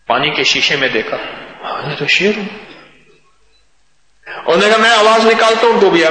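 A man preaching a sermon, telling stories and swinging between loud and hushed. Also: on the high side. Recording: echoey hall.

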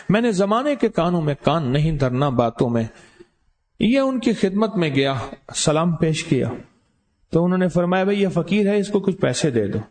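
High, lively-voiced male preacher. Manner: emphatic, repeats phrases for stress. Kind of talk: Sufi storytelling sermon.

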